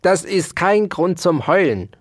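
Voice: medium pitch, sing-song, normal speed, dry recording, studio quality. Narrator doing Ambrosius, a fat cranky hamster. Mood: scolding. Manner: blustering, snapping and scolding. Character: fat fussy irritable male hamster.

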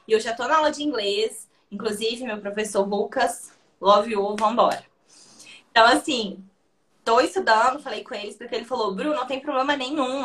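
A young adult woman with a Brazilian accent, a guest telling a lively story in casual chat, often laughing and acting out what people said. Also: fairly high pitch. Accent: Brazilian Portuguese. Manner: lively, laughs often, acts out quoted dialogue. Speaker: interview guest.

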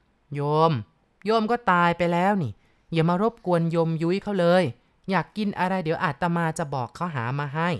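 A woman's voice: lowish voice, moderate pace, smooth, close to an everyday voice. A woman voicing a stern old village monk. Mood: calm pleading. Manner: firm, scolding.

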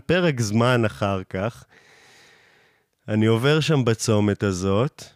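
A man's voice: on the low side, dry recording, studio quality. A young man hosting a podcast, telling a story in a casual monologue, laughing often and raising his voice to act out quoted lines. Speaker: podcast host.

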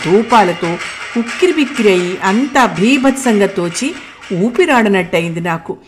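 A woman narrates a first-person story, reading with expressive warmth and careful phrasing. Her voice sits in a middle pitch range for a woman. This is steady audiobook storytelling.

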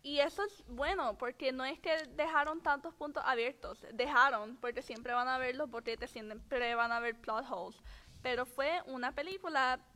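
A woman in a casual chat, giving a measured, thoughtful opinion. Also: high-pitched, sharp tone.

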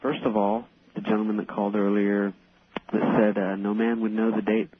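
Husky man calling in over the phone. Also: on the low side, little pitch movement. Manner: halting, pausing often. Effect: voice heard over the phone line. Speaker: radio call-in caller. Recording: tinny phone-line radio audio.

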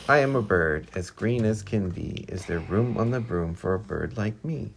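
A woman voicing a polite female bird in a storybook reading, in a plain, even delivery. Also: extremely low pitch, moderate pace, creaky, slight background noise, full character voice. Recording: music playing behind.

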